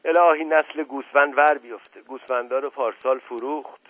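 A man's voice: fairly even intonation, dry recording, natural voice. Man voicing a wailing melodramatic wife. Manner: shrill lamenting. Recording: tinny phone-like old radio broadcast.

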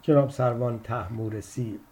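A man voicing a tired, trembling old uncle with a thick Turkish accent, pleading slowly on the phone in an audiobook story. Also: mid-range voice, steady tone, a little mellow, close to an everyday voice. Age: older. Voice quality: trembling, shaky. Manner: pleading, slow and wordy.

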